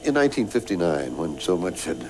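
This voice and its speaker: A man's voice: low voice, big pitch swings, brisk, music in the background, rough recording. A man asking questions as an interviewer in a conversational style.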